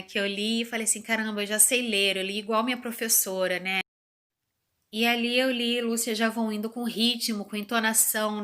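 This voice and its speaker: A woman's voice: mid-range voice, bright, forceful tone. A woman in her thirties casually telling viewers a childhood story, chatty and full of tag questions. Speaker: vlogger.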